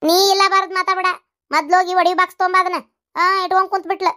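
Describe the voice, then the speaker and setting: Someone voicing a super high shrill greedy mother-in-law, north karnataka accent, scolds nonstop, cartoon comedy. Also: flat delivery, rapid-fire. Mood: scolding. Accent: North Karnataka Kannada. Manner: scolding, sharp-tongued, boastful. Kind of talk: comic cartoon voice acting.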